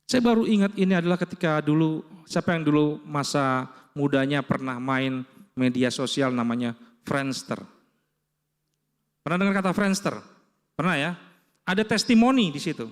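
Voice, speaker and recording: High-voiced preacher in a reverberant hall. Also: male voice, normal speed, long pauses. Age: adult with children. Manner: storytelling, acts out quoted dialogue. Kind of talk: sermon with personal story. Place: church hall.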